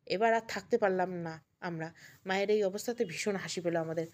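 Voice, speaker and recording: A woman storyteller narrating an emotional family story in a steady voice. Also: fairly low pitch, a little fast.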